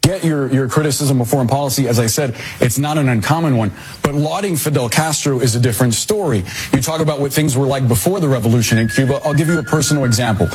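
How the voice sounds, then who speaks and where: A man's voice: mid-range voice, fast talker, hardly any pauses, a little mellow, husky, rough recording. A man working as a news anchor who questions a guest firmly and pointedly. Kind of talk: TV interview. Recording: clip played from TV.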